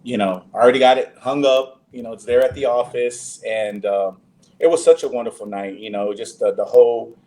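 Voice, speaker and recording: A man's voice: mid-range voice, a little fast, warm tone. A man, an actor guest in a casual interview, talking loosely with many fillers and restarts.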